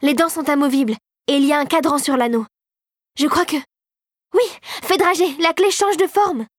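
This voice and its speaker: A plucky young girl from a storybook, as a woman reader voices her, bright and eager, her pitch lifted above the narration. The voice is close and dry, with no room around it. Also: moderate pace, no echo, close to an everyday voice. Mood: excited. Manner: eager, insistent. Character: determined young girl heroine. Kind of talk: audiobook character voice.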